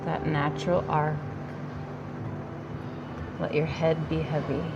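A woman guiding a yoga nidra relaxation in a calm, soothing, gentle manner with long pauses between phrases. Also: low voice, lo-fi sound, loud music behind the voice. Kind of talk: guided relaxation meditation.

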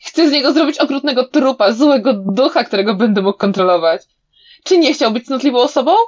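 A woman voicing a cunning, cruel young male villain who sneers, shouts and laughs manically, in a slightly dull recording. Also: fairly high pitch, animated, brisk, pitched above the performer's own voice. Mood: sneering.

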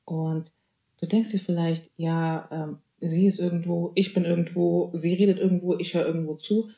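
With a lowish, dark voice, fairly even intonation and a moderate pace, this Bavarian podcaster in her twenties keeps her solo show casual and playful. She mixes English phrases into her German and keeps dropping in amens and hallelujahs, recorded in a roomy space.

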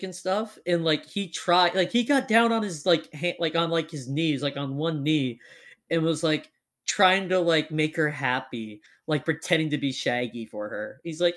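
A young man hosting a casual chat, rambling with lots of fillers. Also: a little high. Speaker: podcast host.

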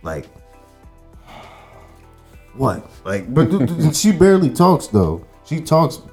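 A man's voice: a little high, big pitch swings, takes it slowly, darkish tone, breathy edge, soft background music. A man in his thirties co-hosting a podcast, telling a long story in a laid-back, rambling way, with plenty of fillers and curses. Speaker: podcast co-host. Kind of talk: casual storytelling chat.

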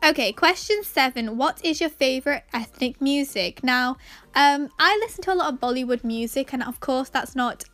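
High-pitched, chatty young woman vlogger. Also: animated, normal speed, fairly bright tone, faint music behind. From Pakistani background. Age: young adult. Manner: enthusiastic, emphatic, chatty. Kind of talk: casual question-and-answer chat.

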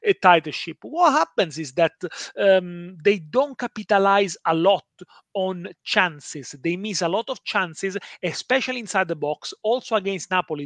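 A man giving football betting analysis as the show's expert, energetic and talkative, often restarting his sentences. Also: sits high, no room sound. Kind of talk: expert analysis in casual chat.

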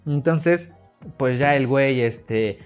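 A man's voice: a little high, fairly quick. A young man with a Mexican accent telling a rambling story in casual chat, full of crude slang. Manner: rambling, crude slang, says "güey" constantly. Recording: dull lo-fi recording with faint music.

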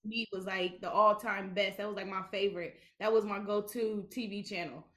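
A woman in casual chat, talking in an animated, opinionated way. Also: mid-range voice, fairly quick.

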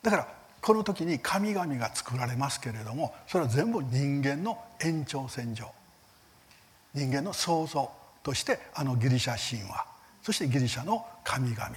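Male Bible teacher, church seminar lecture; earnest, emphatic, with rhetorical questions and a very animated, rising and falling pitch. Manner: lively rises in pitch on key words, soft fading line ends.

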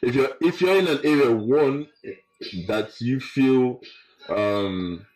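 A man's voice: medium pitch, slow pace, darkish tone. London roadman-accented man in casual discussion. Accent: London, urban roadman slang. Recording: roomy, echoey sound.

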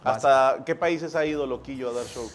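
Crude, bantering Mexican host. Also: male voice, medium pitch, moderate pace. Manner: crude, bantering, swears freely. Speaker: interview host. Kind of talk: casual interview chat.

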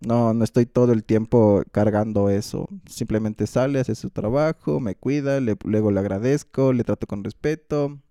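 A man's voice: on the low side, normal speed, few pauses, mellow, no echo, clean studio sound. A young man, co-hosting a crude, casual chat. He swears freely, laughs often and acts out angry quoted rants. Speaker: podcast co-host.

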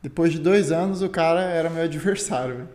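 A man's voice: on the high side, a little fast, darkish tone. A Brazilian man telling a story in casual, slangy chat as a guest, peppering his talk with filler words. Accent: Brazilian Portuguese. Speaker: guest, Muay Thai fighter and teacher. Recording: roomy, echoey sound.

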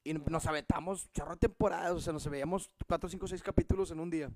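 A man's voice: fairly high pitch, steady tone, quick pace, dry recording. Laughing, swearing Mexican storyteller man. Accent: Mexican Spanish. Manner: laughs often, swears freely, acts out voices in stories. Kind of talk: casual storytelling chat.

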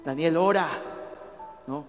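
A man's voice: a little high, slow pace. A man preaching a sermon, repeating phrases and calling on the congregation to answer, with rhetorical "¿no?" tags. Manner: repetitive, call-and-response with the congregation. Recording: echoey hall with faint music.

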